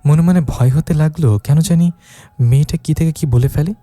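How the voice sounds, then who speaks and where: Dark-voiced man narrating a romance story. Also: moderate pace, no echo. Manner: first-person storytelling, lifting his pitch for the young wife's lines.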